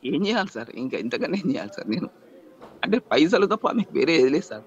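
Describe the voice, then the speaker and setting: A man's voice: fairly high pitch, big pitch swings, fast talker, dull audio. A man, pleading emotionally in a news interview and repeatedly appealing to the interviewer. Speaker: interviewee, estranged husband.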